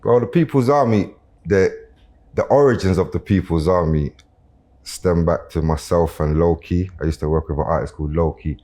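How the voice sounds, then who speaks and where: A guest rapper from Brixton, South London, chats casually on a podcast in a roadman accent full of street slang, dropping tags like "innit" and "you know what I'm saying." His voice sits low and mellow at a moderate pace.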